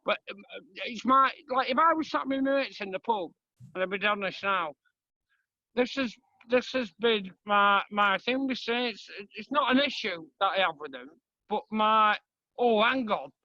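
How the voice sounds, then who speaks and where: A man's voice: high voice, animated, normal speed, bright, forceful tone, dry recording, highs cut off. A man with a northern English accent in casual, blunt, colloquial pub-style chat about sport as a fan and host. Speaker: host, fan asking questions of a player. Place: small room in a home, kitchen.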